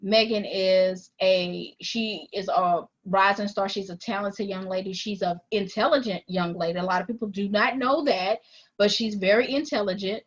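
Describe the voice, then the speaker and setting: A woman on a podcast argues her point in a deliberate way and keeps returning to "this is the thing." Her voice sits at a middle pitch, and the recording sounds a little dull and lo-fi. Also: steady tone. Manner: deliberate, argumentative, repeats phrases to hold the floor. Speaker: podcast co-host. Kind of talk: casual chat.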